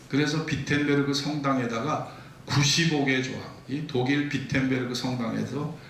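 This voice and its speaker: A man's voice: mid-range voice, vocal fry, fairly bright tone, a little hiss or hum. A male pastor preaching a sermon, retelling stories vividly in a church sanctuary. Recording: echoey church hall, distant mic.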